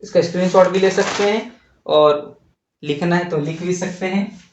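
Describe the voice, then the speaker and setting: A man teaching a chemistry lesson while writing on a board. He talks slowly, asking questions and answering them himself. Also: high-pitched, noisy background. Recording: distant, echoey, dull lo-fi.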